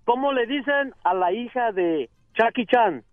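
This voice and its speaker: Playful male riddle teller, high voice, muffled dry recording. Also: lively intonation, a little slow, no room sound, soft background music. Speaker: guest telling riddles. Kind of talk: casual riddle telling.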